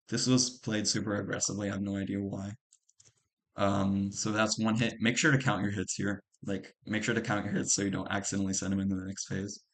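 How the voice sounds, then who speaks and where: A young man talks through his boss strategy as footage plays, in a loose, unscripted way full of ums and likes. His voice sits low and barely rises or falls, staying even from one point to the next. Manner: loose and conversational, many fillers, talks over replay footage. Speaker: streamer giving a game strategy guide. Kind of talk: casual gameplay commentary.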